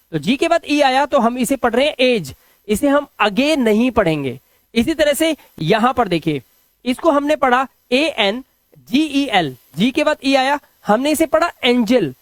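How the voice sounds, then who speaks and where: A man's voice: extremely high pitch, no room sound. A man teaching English pronunciation rules in Hindi, patiently spelling out words letter by letter.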